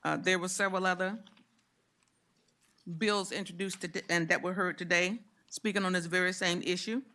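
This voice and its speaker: Bright-voiced woman presenting a bill. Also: fairly low pitch, steady tone. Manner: brisk, reads provisions steadily, stumbles on repeats when challenged. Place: legislative committee room.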